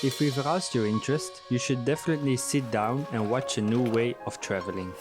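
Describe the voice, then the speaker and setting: A young man, calmly narrating a travel vlog voice-over. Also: medium pitch, fairly quick. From Belgium. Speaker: travel vlogger. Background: music.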